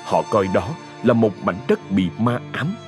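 Male horror narrator, lowish husky voice, lively delivery, long reverb over faint music. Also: measured pace. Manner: dramatic, expressive.

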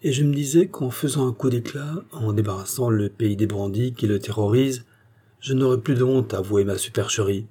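A man's voice: medium pitch, a little fast, mellow, husky, close to an everyday voice. A man reading the part of an eager, lovesick young police inspector who speaks earnestly.

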